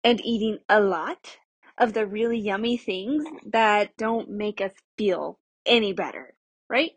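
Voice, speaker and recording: Breathy chatty woman podcast host. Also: mid-range voice, measured pace, no room sound. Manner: upbeat, chatty, friendly. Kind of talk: casual podcast chat.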